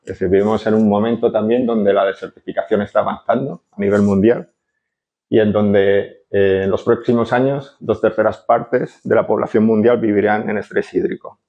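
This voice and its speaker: With a fairly low, somewhat mellow voice, fairly even intonation and normal speed, a man from Barcelona presents an architecture talk to a conference audience. His delivery is hesitant and packed with fillers and tag questions, recorded on dull lo-fi conference audio.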